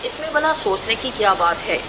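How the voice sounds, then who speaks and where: A woman reading the part of a gentle, caring young woman who speaks in a soft, reassuring way in a storybook reading. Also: a little high, expressive, background noise, lightly acted.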